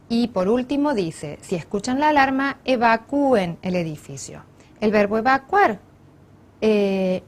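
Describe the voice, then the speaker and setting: A woman teacher giving a recorded online lesson, explaining each point carefully in a measured way and sometimes correcting herself. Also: medium pitch.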